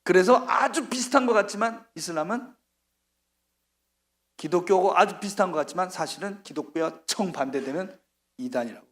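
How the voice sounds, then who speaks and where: A middle-aged male missionary preaching a sermon, telling the story with animated acted-out voices. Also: high voice, brisk.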